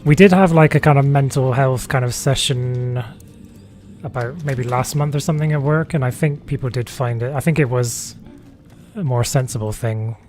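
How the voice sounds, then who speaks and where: A man's voice: mid-range voice, normal speed, a little mellow. A man with a mid-range voice, chatting casually while playing a game on stream. He talks freely and loosely, padding his sentences with "like" and "um". Faint game music and gunfire play behind him. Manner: chatty, fills speech with "like". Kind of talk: casual chat while gaming.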